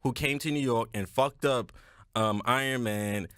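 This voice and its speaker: Man, podcast co-host, bright forceful voice, dry close sound, animated storytelling, lots of swearing. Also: mid-range voice, unhurried, clear, resonant tone, dry recording. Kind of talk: casual chat.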